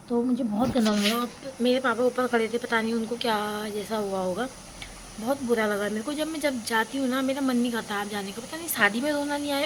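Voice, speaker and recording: Young woman, high-pitched, chatty and emotional, casual vlog, noisy background. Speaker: vlogger. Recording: background noise.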